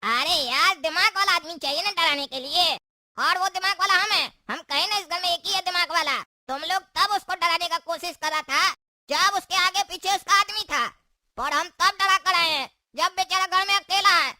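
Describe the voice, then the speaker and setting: Cocky young cartoon hero, brags nonstop, very high bright voice. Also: female voice, moderate pace, no echo, studio quality, full character voice. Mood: brash. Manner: bragging, teasing. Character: boastful cocky young male troublemaker.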